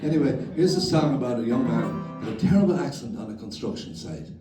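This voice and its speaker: A man spins wry stories between folk songs. His voice sits at a middle pitch and carries the echo of a roomy room, heard from a distance with a guitar behind him. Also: lively intonation, quick pace. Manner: wry storytelling between sung verses. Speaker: folksinger and humorist. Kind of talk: live concert with songs and stories. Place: library event room with an audience. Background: audience and guitar.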